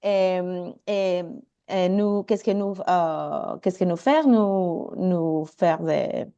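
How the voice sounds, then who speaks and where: A lowish-voiced woman with a foreign, Mexican Spanish accent speaks slowly and softly mellow. She gives an informal self-introduction, halting and apologetic as she hunts for words in her second language. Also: clean tone, dull audio. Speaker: networking meeting participant introducing herself. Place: indoors, video call.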